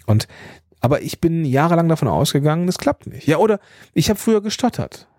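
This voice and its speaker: A man's voice: on the high side, big pitch swings, fairly quick, a little mellow, dry recording. German man musing aloud, dry close sound. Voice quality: stutters on some consonants. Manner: thinking aloud, many restarts and fillers. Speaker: podcast host. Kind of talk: personal reflective monologue.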